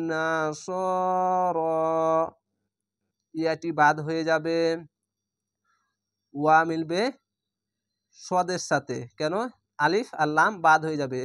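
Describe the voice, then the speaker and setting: A man with a Bangladeshi Bengali accent teaches recitation, spelling each syllable aloud in a slow, drawn-out way. His voice sits fairly high but stays flat and even, with a smooth, clean tone. The sound is close and dry, with no room echo.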